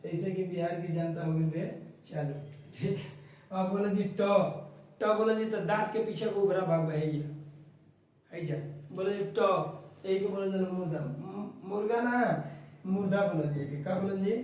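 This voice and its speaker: A man's voice: high-pitched, moderate pace, pauses often, warm tone, heavy reverb, far from the mic, rough recording. A man teaching an exam-prep grammar lesson, chatty and jokey, repeating points and quizzing his students.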